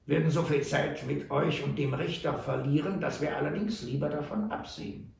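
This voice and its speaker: A man voicing a sly, mocking old male trapper who drawls slowly in a high, gravelly voice. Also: recorded from a distance. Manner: slow, teasing drawl. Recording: roomy echo.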